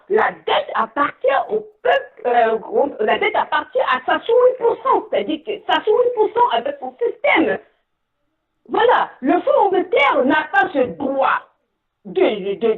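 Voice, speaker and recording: An indignant woman calls in over a tinny phone line, and her voice sounds distant and echoey. Her lively, fairly high voice swings widely in pitch as she pushes on through many hesitations. She builds to near-shouting. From Republic of the Congo. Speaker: caller. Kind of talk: impassioned call-in commentary.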